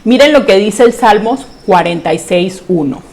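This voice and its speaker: A woman with a Panamanian Spanish accent preaching an online church sermon in an earnest way, slowing down when she reads scripture aloud. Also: mid-range voice, animated, darkish tone.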